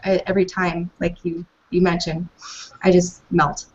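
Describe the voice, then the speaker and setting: A woman co-hosting a panel, chatting in a warm, effusive way on a video call. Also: on the low side, level tone, normal speed, slightly rough. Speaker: panel co-host. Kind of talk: casual video call chat. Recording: dull lo-fi video call audio.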